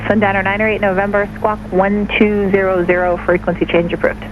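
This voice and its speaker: A man's voice: high-pitched, level tone, a little fast. A man working as an air traffic controller, heard over an aircraft radio and giving clipped, businesslike instructions. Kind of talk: rapid radio phraseology. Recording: muffled radio with engine noise.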